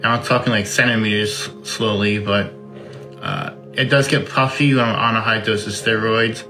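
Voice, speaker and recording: A man's voice: lowish voice, steady tone, moderate pace, bright, forceful tone, soft background music. A man talking casually and explaining as an interviewee, his words slightly blunted by lips that do not fully move, as if numb. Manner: slightly impeded lip articulation, as if numb-lipped. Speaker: interviewee, transplant patient.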